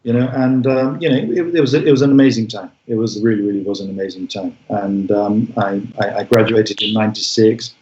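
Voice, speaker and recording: A man in his forties, born in Bangladesh, speaking as an interview guest in a reflective way, with frequent pauses and restarts. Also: lowish voice, level tone, darkish tone. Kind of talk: interview conversation. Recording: echoey room, dull sound.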